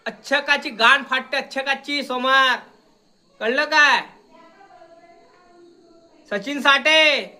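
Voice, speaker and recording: A man's voice: very high-pitched, sharp tone. A young man delivering a combative video rant, repeatedly challenging his listener. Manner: combative, repeatedly demanding "got it?". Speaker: social media commentator.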